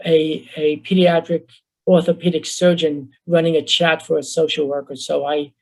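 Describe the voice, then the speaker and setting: A man with a Bronx accent giving an earnest, fast-paced webinar talk as a social worker over a video call. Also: fairly high pitch, flat delivery, low-quality recording. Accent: New York Bronx.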